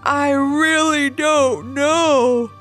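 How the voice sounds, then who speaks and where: A woman's voice: very high voice, big pitch swings, slow, soft background music, pitched above the performer's own voice, full character voice. A woman voicing a drowsy, hesitant young boy in a children's story. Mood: sleepy.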